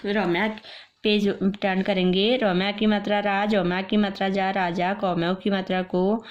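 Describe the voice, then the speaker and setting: A woman teacher with an Indian accent reads a children's story aloud, slowly spelling out each syllable and explaining words for young pupils. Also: medium pitch, flat delivery. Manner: slow, patient letter-by-letter spelling and explaining. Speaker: primary school teacher. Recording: dull lo-fi recording.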